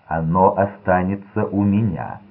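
A man voicing an unstable young gangster son who speaks in a slow, sulky, menacing way. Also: low-pitched, steady tone. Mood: threatening. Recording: tinny lo-fi narrow-band audio.

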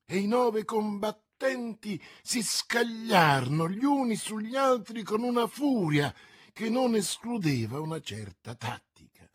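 A man narrates a swashbuckling classic with theatrical relish, building with the swordplay. His voice is husky and rather high, and he reads at a slow, deliberate pace. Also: animated. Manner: theatrical, unhurried, swelling with the action. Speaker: audiobook narrator. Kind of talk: dramatic audiobook reading.

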